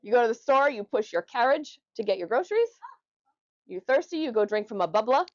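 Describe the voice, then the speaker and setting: A woman's voice: on the high side, sing-song, brisk, no echo, highs cut off. A woman giving an informal, jokey explanatory talk to a group, conversationally demonstrating how words are pronounced. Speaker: presenter.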